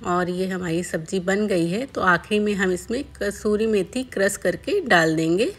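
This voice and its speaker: A woman calmly narrating a home cooking tutorial step by step as a voice-over. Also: medium pitch, moderate pace. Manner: calm step-by-step explaining. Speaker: cooking channel host.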